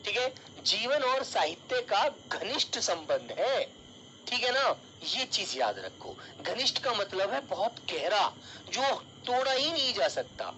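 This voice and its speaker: A man's voice: sits high, sing-song, measured pace, sharp tone, a little hiss or hum, low-quality recording. A male teacher giving an online exam-prep lesson, calling his students child and dear and explaining with everyday examples.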